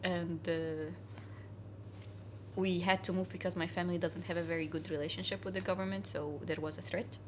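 In an indoor cafe, a young woman from Syria gives a casual interview, speaking earnestly with many fillers and restarts. Her lowish voice is steady and brisk, and a little hiss or hum can be heard.

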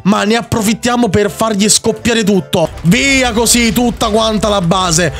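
Young male gamer, high-pitched and excitable, spilling out repeated words; soft music under him. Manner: excitable, rapid repetitions, teasing opponent. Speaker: Minecraft YouTuber. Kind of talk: gameplay commentary.

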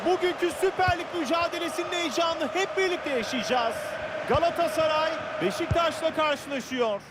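A man giving excitable play-by-play football commentary in speech for a video game, announcing the action. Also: extremely high pitch, normal speed. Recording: loud stadium crowd noise behind voice. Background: roaring stadium crowd.

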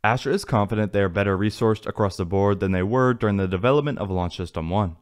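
A man narrating a technical script in an even, read-aloud manner. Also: lowish voice, fast talker, smooth. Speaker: narrator of a space news channel. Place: voice-over, not in the pictured places.

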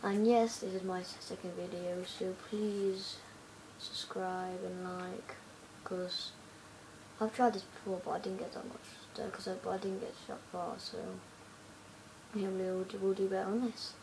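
Excitable rambling gamer with a noisy phone mic. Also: female voice, mid-range voice, unhurried. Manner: excitable, rambling, sing-song chanting. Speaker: gaming channel host. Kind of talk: casual gameplay commentary. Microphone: phone recording a screen.

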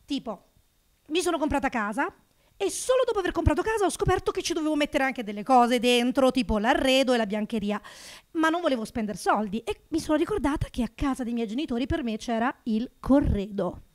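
On a small comedy club stage, a high-voiced stand-up comedian in her thirties from Naples speaks into a handheld mic during her routine. She is sarcastic, animated and brisk, with her pitch and volume leaping up whenever a punchline lands.

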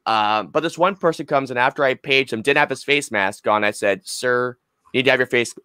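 A man in his twenties, co-hosting a podcast, chats and spins stories with emphasis, rambling and swearing. His medium-pitched voice is fairly quick, bright and forceful, with a clean tone and no echo. He's in a small home room, close on a boom-arm desk mic.

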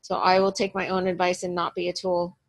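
A woman's voice: fairly low pitch, monotone, brisk. A woman hosting a team video call, chatty and upbeat, with lots of fillers and laughter. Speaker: meeting host. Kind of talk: casual video call meeting.

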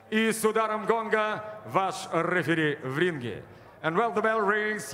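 A middle-aged or older man working as an arena announcer, introducing fights formally and theatrically with drawn-out names and titles over a handheld microphone. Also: sharp tone. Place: boxing ring in a large indoor arena. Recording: booming echoey arena PA with long reverb.

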